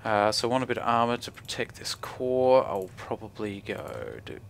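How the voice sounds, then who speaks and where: Speaking from an indoor room at home, this New Zealand gamer, young and broad-accented, narrates his play casually, full of slang and mumbled asides as he thinks out loud. His lowish voice is very animated, moderately paced and carries vocal fry, over slight background noise.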